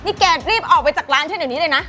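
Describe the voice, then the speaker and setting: Snobbish young shopkeeper, played by a woman, very high voice, music underneath. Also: expressive, rapid-fire. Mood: scornful. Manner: scornful, shouting insults. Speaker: shop owner's daughter. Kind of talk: short-film drama acting. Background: background music.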